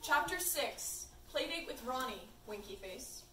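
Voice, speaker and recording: At a birthday party, a teenage girl with a high, lively voice reads fan fiction aloud at a measured pace, playfully hamming up the quoted lines. The room is echoey, she is far from the mic, and there is faint noise.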